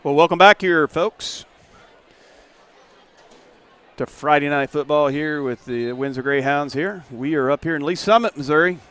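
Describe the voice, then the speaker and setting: A man doing play-by-play of a high school football game from a stadium press box, folksy and relaxed. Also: normal speed, clear, resonant tone. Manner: folksy, relaxed, rises when a play starts. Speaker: play-by-play announcer.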